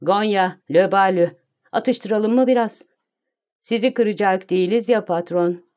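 Woman voicing a cocky mocking gentleman thief. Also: mid-range voice, unhurried, close to an everyday voice. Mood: breezy. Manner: teasing, theatrical showman.

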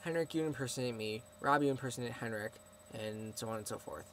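A teenage boy vlogs casually to the camera, rambling and chatty as he answers viewer questions. He talks fast in a medium-pitched voice, with faint background noise.

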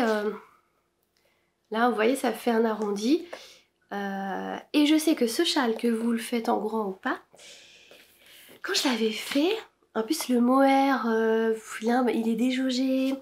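A woman's voice: on the high side, a little mellow, slight background noise. A woman chatting casually about her knitting to camera, hesitant with many fillers. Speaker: knitting podcaster. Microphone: camera-mounted shotgun mic.

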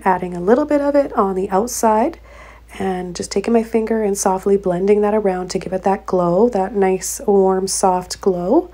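Gentle, mellow-voiced woman teaching painting. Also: medium pitch. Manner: gentle, encouraging, with frequent ums and uhs. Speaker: painting instructor. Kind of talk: relaxed step-by-step tutorial narration.

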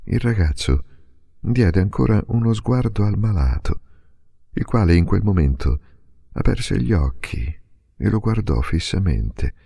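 A man giving an expressive, dramatic interpretive reading of a novel as narrator. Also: sits low, a little slow, vocal fry, breathy edge. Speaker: audiobook reader.

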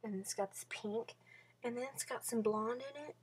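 A woman vlogging casually from her bedroom into a computer webcam mic. She rambles with lots of fillers and restarts, drifting from soft mumbles to louder bursts. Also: fairly high pitch, normal speed, breathy edge.

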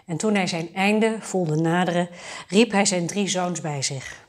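A woman storyteller reading a fairy tale for adults aloud in a calm, measured way. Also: lowish voice.

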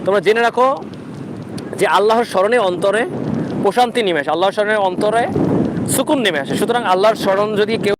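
Speaking live from a sea beach, a Bangladeshi ruqyah practitioner answers questions and offers religious guidance in an informal stream. He has a high-pitched voice and talks in a halting, instructive manner. Clear wind and rumble run underneath.

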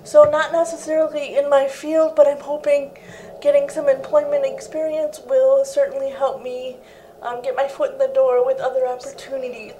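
A woman's voice: high-pitched, warm tone, a little hiss or hum, rough recording. A young woman guest in an interview, talking earnestly and steadily about her own life in a living room set, on a lapel mic. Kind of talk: interview answers.

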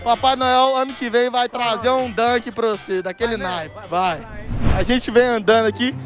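A man's voice: very high-pitched, fairly even intonation, moderate pace, over music. A young man from Brazil vlogging in a mall, talking through a knit face mask in playful, slang-heavy banter. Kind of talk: casual street vlog. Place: shopping mall, indoors.

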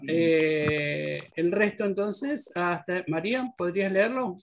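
A man's voice: high-pitched, slow, vocal fry, slight background noise. A man teaching an English class, patiently explaining pronunciation rules step by step. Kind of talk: online class instruction.

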